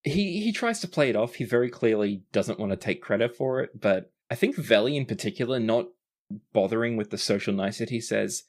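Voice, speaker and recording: With a mid-pitched voice, a game master tells a tabletop story in a conversational way, painting the scene and slipping briefly into character voices. The delivery is animated and brisk.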